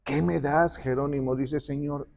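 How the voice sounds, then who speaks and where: Mellow-voiced man telling a story. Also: a little high, unhurried, creaky. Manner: animated, acts out quoted dialogue. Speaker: guest speaker on the parish patron saint. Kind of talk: conversational storytelling.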